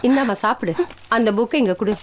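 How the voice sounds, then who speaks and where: A woman's voice: a little high, fast, lightly acted. An actress playing a motherly aunt who coaxes her niece to eat more, in film dialogue. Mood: coaxing. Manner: coaxing, fussing. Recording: film soundtrack with loud music.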